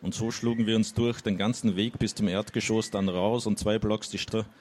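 A man's voice: on the low side, fairly even intonation, normal speed, a little mellow, a little hiss or hum. A man reading a first-person novel aloud, with hesitant asides when summarizing. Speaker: audiobook reader.

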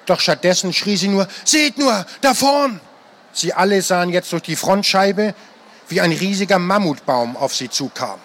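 Man, high voice, live novel reading, dramatic storytelling. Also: moderate pace, a bit bright. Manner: dramatic storytelling, acting out the characters.

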